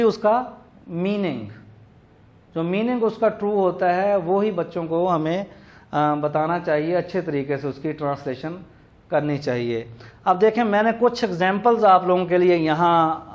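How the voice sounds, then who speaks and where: A man giving a recorded lecture on teaching English words, explaining slowly and spelling words out letter by letter. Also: sits high. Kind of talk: classroom lecture. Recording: dull lo-fi recording.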